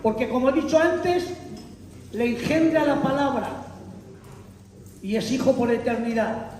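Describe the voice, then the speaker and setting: A man preaching an animated, emphatic sermon to a congregation, calling them brothers. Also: very high voice, unhurried. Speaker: visiting preacher. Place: large church hall. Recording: echoey hall, mic far off.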